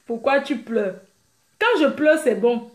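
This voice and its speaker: A woman's voice: on the high side, reverberant. A woman hosting a casual live stream, brash and teasing, answering viewers and laughing often. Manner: animated, mimics crying sounds.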